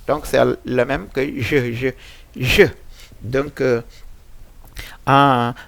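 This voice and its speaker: A man with a West African French accent walks learners through English sounds at a slow, deliberate pace. His voice is gravelly and he stops often with fillers. He repeats each example word several times, and the recording is dry and close. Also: mid-range voice, steady tone, a bit bright, no room sound. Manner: frequent hesitation fillers. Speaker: teacher. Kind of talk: French-language pronunciation lesson on English sounds.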